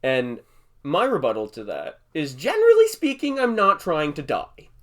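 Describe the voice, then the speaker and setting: Young male host, animated intonation, rambling comic storyteller. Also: mid-range voice, measured pace. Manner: rambling, jokey storytelling, often laughing. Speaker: podcast host. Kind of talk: casual chat.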